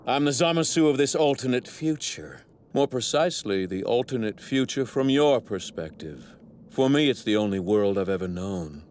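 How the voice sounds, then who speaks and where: A male actor with a mid-range, slightly mellow, natural voice dubs an anime villain: an arrogant, righteous god and zealot who despises mortals. His smug, pompous delivery is formal and theatrical, with lively intonation at normal speed. Sound effects bleed behind his voice, along with slight background noise.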